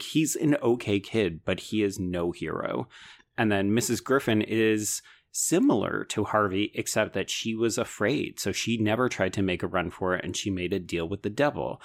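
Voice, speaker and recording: A man with a lowish voice co-hosts a podcast. He talks through a book in a relaxed but eager and analytical way. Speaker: podcast co-host. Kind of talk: casual book discussion.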